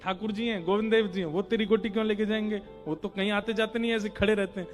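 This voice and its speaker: A man voicing a gruff temple doorkeeper who scolds and dismisses a child. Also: high voice, steady tone, fast talker, soft background music, close to an everyday voice. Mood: scolding.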